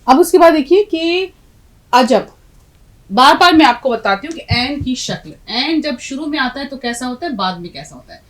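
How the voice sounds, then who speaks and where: A woman's voice: high voice, animated, poor audio. A middle-aged woman teaching a language lesson, patiently explaining letters and quizzing her students. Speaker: Urdu teacher.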